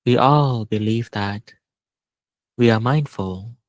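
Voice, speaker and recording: A man with a mid-range voice leads a guided meditation as a teacher, gentle and unhurried, pausing at length. There's no echo.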